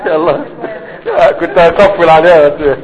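A man teaching an Arabic grammar lesson to students, with an Egyptian accent, drilling verb forms slowly and checking in with "right?" and "huh?". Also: on the high side, fairly even intonation, long reverb tail, poor audio.

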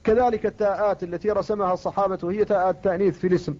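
A man teaching the rules of Quran recitation in a classical Arabic lecture, explaining in a measured way and slowing down to quote verses and poetry. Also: high-pitched, fairly even intonation, darkish tone. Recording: dull lo-fi recording.

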